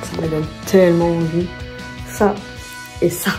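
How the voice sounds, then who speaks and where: Over background music, a woman with a fairly low, level voice chats at a measured pace while vlogging at home. She rambles through her shopping haul, frequently correcting herself and laughing at her own slips.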